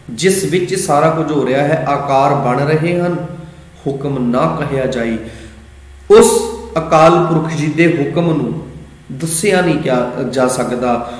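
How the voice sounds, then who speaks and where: A man teaching scripture meanings and pronunciation, patient and repetitive, chanting verse lines slowly. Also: on the high side. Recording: very echoey hall.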